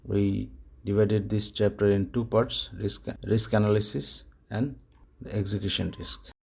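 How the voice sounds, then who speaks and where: A man's voice: fairly low pitch, steady tone, a little slow, vocal fry, husky. A man in his thirties from Bangladesh, presenting a market research report as a plain list-like walkthrough, often correcting himself as he goes. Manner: plain, list-like delivery with frequent self-corrections.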